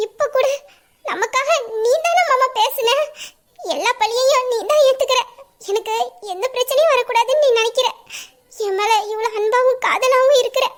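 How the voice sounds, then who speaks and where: A woman voicing a shy young woman soon to be married, speaking softly with teary, grateful love. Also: very high-pitched, normal speed. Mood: teary, loving. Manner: soft, teary, sweetly grateful. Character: shy, loving young bride-to-be. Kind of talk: audio drama acting.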